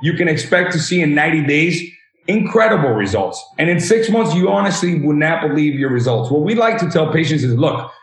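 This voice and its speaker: A man in his thirties, born in Venezuela and now from Miami, Florida, speaks earnestly as an interview guest who practices age management. His voice is a little high, sing-song and brisk. The recording sounds roomy and echoey.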